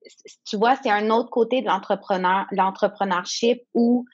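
Speaking at a normal speed in a mid-range voice, a thirty-something woman, a native English speaker, answers in French as a guest entrepreneur. The interview is candid and conversational, and she is reflective and searching for words. The audio sounds dull.

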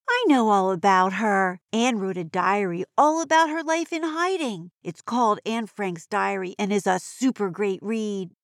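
Woman playing Jazzy, a singsong excitable little girl. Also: medium pitch, unhurried, hardly any pauses, no echo, clean studio sound, close to an everyday voice. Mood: excited. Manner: broad singsong children's-theatre delivery, exclamatory. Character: Jazzy, excitable young girl tourist who loves cats. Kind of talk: children's educational audio story.

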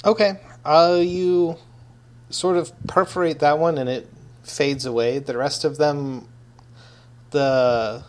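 A man running a tabletop game as game master, narrating in a relaxed way with many fillers. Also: mid-range voice, a little hiss or hum.

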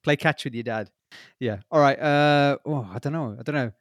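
Man, podcast host, casual jokey chat, mid pitch, dry close sound. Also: normal speed, dry recording. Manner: jokey, laughs often, runs the segment.

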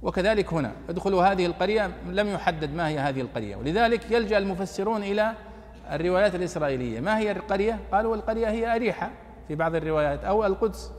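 A man teaching a classical Quran commentary, explaining quickly with loose, conversational asides. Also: high voice, expressive, long reverb tail, slight background noise. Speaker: sheikh teaching tafsir.

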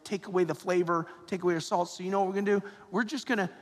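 A man with a fairly high voice and an American accent speaks as a priest at Mass. His words ring through a big church with long, cathedral-like echo. The delivery is that of a sermon, plain and addressed to a congregation. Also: fairly even intonation, very fast. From Georgia, United States. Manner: conversational, folksy, often tags phrases with "right?" and "okay?". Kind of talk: sermon and Gospel reading at Mass. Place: large reverberant church interior. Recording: echoing church hall, long cathedral-like reverb.

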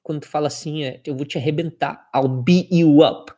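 A woman's voice: low-pitched, moderate pace, warm tone, slightly rough. A woman teaching English pronunciation in a casual spoken lesson, drilling word pairs and adding laughing asides. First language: Brazilian Portuguese.

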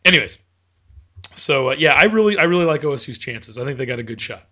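A man's voice: mid-range voice, sing-song, fast, bright, forceful tone. A man hosting a casual sports chat, rambling and correcting himself as he talks, with hiccups. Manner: rambling, self-correcting, chatty. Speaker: podcast host.

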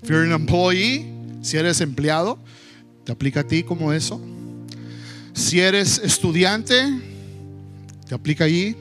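A man preaching a sermon to his congregation, animated and mixing in English phrases, sometimes acting out loud scoldings of his children. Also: fairly high pitch, a little slow, pauses often, soft background music. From United States. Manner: slips between Spanish and English. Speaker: pastor.

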